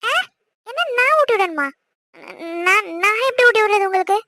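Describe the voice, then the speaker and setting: A woman voicing a young wife in an animated series, arguing and pleading quickly and insistently. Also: extremely high pitch, dry recording. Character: young wife, stubborn and outspoken.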